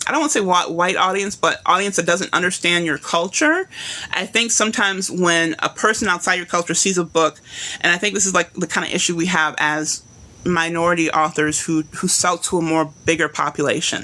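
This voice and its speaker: A woman's voice: lowish voice, bright, forceful tone. A woman teaching a live online writing class, talking in a chatty way and acting out readers' reactions.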